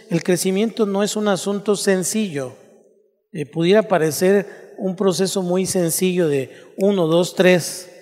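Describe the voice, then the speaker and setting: A man's voice: fairly high pitch, a little mellow, in a large hall. A male pastor teaching a sermon, explaining step by step and asking his listeners rhetorical questions.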